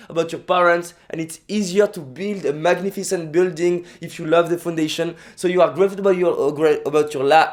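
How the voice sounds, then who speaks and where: A young native French speaker from France, with a French accent and a slightly high voice, gives an emphatic motivational vlog talk. His delivery is full of repetition and restarts.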